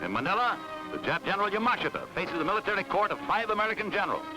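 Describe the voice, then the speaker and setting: A man's voice: high voice, expressive, rapid-fire, over loud music, rough recording. Man narrating a dramatic 1940s newsreel. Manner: emphatic, dramatic announcing.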